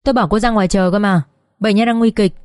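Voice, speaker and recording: A woman voicing a brusque, hurried female hospital nurse who gives curt, impatient orders in an audiobook story. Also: mid-range voice, fairly even intonation, a little mellow, dry recording, studio quality, lightly acted.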